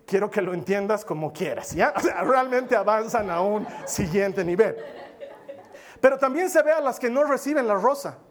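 A man preaching a humorous, chatty sermon, asking the congregation questions and slowly repeating his key lines for emphasis. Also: sits high, lively intonation.

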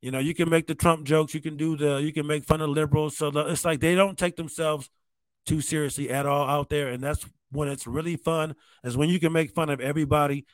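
A man's voice: a little high, fairly even intonation, fairly quick, dry recording. A male stand-up comedian telling stories in a loose, conversational way, often saying "man" and "like". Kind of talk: casual storytelling monologue.

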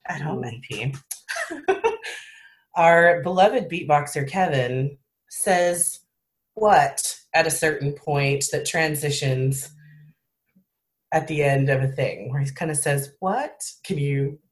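A woman's voice: low voice, slow, pauses often. A woman co-hosting a casual chat show, giggly and easily flustered. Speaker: podcast co-host. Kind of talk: casual chat, game quiz.

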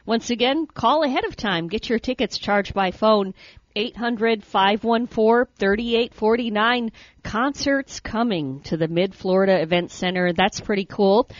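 A woman's voice: medium pitch, lively intonation, normal speed, dry recording. A woman rattles through weekend events in a chatty, easygoing radio voice. The sound is dry and close, with a slightly muffled, lo-fi edge. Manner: chatty, reading event listings. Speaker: co-host. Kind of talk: casual radio chat.

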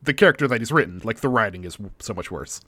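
A man's voice: on the low side, lively intonation, fast talker, bright, forceful tone, no room sound. A man co-hosting a casual chat, recapping a TV episode and paraphrasing the characters' lines with jokes and laughs. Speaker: podcast co-host.

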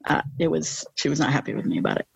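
A woman's voice: deep voice, big pitch swings, rapid-fire, creaky, slightly rough, no room sound. A young woman with a lateral lisp, chatting casually in an interview, rambling with many fillers. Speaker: interview guest.

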